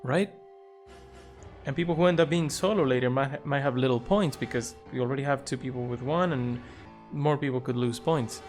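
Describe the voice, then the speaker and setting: Brief: male streamer, mid-pitched voice, thinks aloud through game choices, joking asides, faint game music behind. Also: fairly quick, darkish tone. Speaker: streamer playing a video game. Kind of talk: live gameplay commentary.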